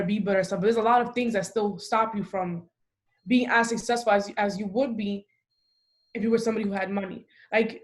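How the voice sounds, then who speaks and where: A young woman from the Dominican Republic, talking casually on a podcast, emphatic and full of "like" fillers. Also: mid-range voice. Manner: talkative, frequent "like" fillers, emphatic. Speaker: podcast host.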